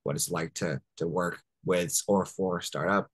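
This startup founder, in his twenties, was born in Japan and raised in the Washington DC area; he tells stories casually in an interview on a video call from a room at home. His deep voice has fairly even intonation and a breathy edge, at a moderate pace with no echo, and he's chatty, laughs easily, and fills his talk with "uh" and "like."

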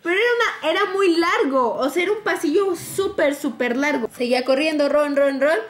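A young Mexican woman vlogger telling a story in a casual, lively way and acting out the quotes in it. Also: high-pitched, a little fast.

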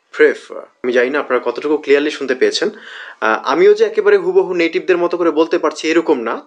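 A man whose first language is Bengali, teaching English pronunciation in a screen-recorded lesson, patiently repeating model words slowly with many hesitation sounds. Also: a little high.

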